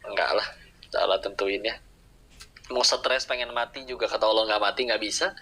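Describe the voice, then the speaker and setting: A man's voice: fairly low pitch, steady tone, moderate pace, sharp tone, low-quality recording. A man preaching a sermon to a live audience, asking questions and answering them himself, acting out little dialogues.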